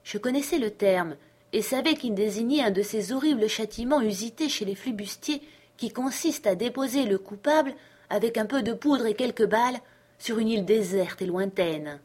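Female audiobook narrator, measured, expressive literary reading. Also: on the high side, husky. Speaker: audiobook reader.

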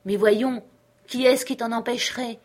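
A woman's voice: on the high side, fairly even intonation, moderate pace, a little mellow, voice pushed up, close to an everyday voice. Woman reader as a wild old castaway man, eager and rambling. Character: ragged half-mad old male castaway, excitable.

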